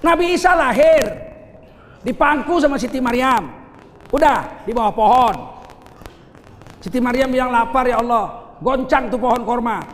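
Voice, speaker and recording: A middle-aged man preaching a lively sermon with funny stories, animated and teasing, acting out little scenes as he goes. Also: very high-pitched, moderate pace, pauses often. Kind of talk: lively sermon with humorous anecdotes. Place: large hall at a gathering. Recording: echoey hall, faint ambience.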